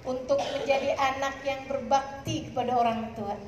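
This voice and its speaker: High-voiced woman preaching in an echoey hall. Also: moderate pace, far from the mic. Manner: lively, shifts between soft and raised voice. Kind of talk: religious talk to women. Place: community hall. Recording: echoey hall, faint noise.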